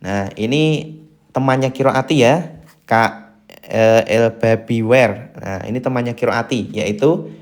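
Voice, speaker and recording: Slow, patient man teaching Quran reading. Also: mid-range voice. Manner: slow, patient drilling of syllables in a chanted tune; reads viewer greetings aloud and answers them. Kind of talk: live-streamed Quran reading lesson.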